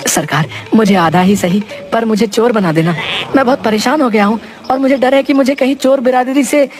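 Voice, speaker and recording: A voice actor playing a dim-witted, soft-hearted male apprentice thief who pleads and whines to his boss in a cartoon. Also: medium pitch, brisk, music in the background, pitched above the performer's own voice, natural voice. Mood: eager. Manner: pleading, whiny, humble, calls the boss sir. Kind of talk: cartoon voice acting.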